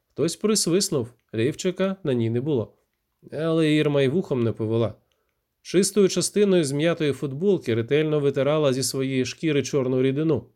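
A man narrating a first-person audiobook in a steady, measured way. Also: a little high.

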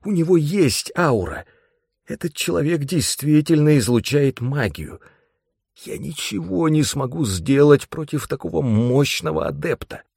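A man's voice: fairly high pitch, expressive, a little slow, gravelly, a little mellow, slightly rough, dry recording, clean studio sound, voice pushed up, exaggerated voice. A man doing an anxious young apprentice magician. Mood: alarmed. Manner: nervous, whispering urgently.

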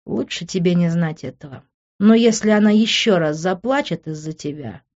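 A reader voicing a spiteful young man who yells and mocks with venom. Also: medium pitch, expressive, moderate pace, muffled recording, natural voice. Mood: threatening. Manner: venomous, mocking and yelling.

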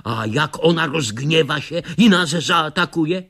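A man voicing a timid young male villager who asks anxious, drawn-out questions. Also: fairly high pitch, lively intonation, creaky, pushed and bright, heavily acted. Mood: frightened. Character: timid young villager nephew, easily frightened.

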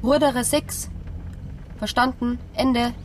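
A woman's voice: fairly high pitch, fairly even intonation, slow. An actress playing a female patrol officer answering calls over a police walkie-talkie in clipped radio procedure. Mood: businesslike. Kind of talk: terse radio call-and-response. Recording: noisy crackling radio channel.

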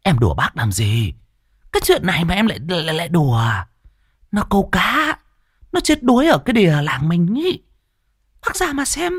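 A man voicing a loud, shrill village woman in a storytelling reading, shrieking frantic news. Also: sing-song, moderate pace, long pauses, slightly rough, no room sound, clean studio sound, exaggerated voice.

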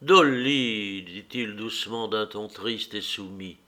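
A man narrating a classic novel in a measured, expressive audiobook reading. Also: mid-range voice. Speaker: audiobook reader. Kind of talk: literary narration.

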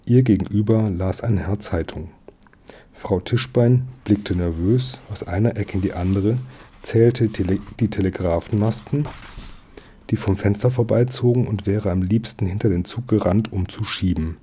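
A man reading a children's novel aloud as an audiobook, with calm, measured storytelling. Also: fairly low pitch, a little hiss or hum. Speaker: audiobook reader.

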